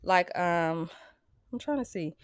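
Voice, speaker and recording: A woman's voice: fairly low pitch, animated, slow, clear, resonant tone, no echo, studio quality. Congested American woman, emphatic podcast host. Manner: emphatic, preachy, laughs often. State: stuffy, congested. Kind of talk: casual solo podcast talk.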